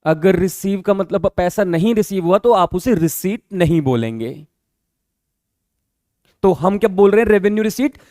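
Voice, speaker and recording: This fairly high-voiced man teaches accounting with expression at a moderate pace, his tone somewhat dark. He's patient, repeats key terms, and keeps stopping to ask if students are following. It's recorded close and dry, without echo.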